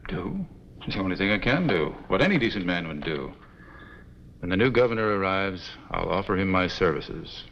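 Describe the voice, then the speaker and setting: An actor playing a proud, protective mining lawyer and husband who speaks with impassioned tenderness. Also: male voice, low-pitched, expressive, normal speed, vocal fry, fairly bright tone, a little hiss or hum, heavily acted. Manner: impassioned, tender toward his wife. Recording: dull 1950s TV soundtrack with music.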